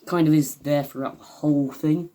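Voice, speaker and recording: A man's voice: a little high, fairly even intonation, moderate pace, dark tone. A man talks casually to his viewers as a video reviewer. He wanders from point to point, trips over his own words and fills the gaps with "um" and "uh". His chatty asides show him as an eager fan. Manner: rambling and hesitant, many fillers and restarts.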